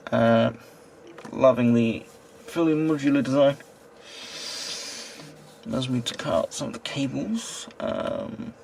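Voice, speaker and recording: A man with a gravelly, creaky voice, talking casually about his computer hardware. He hesitates often and lets his sentences trail off. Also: medium pitch, darkish tone, slight background noise. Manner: hesitant, lots of ums and trailing off. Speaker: tech vlogger. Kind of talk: casual chat while showing his computer.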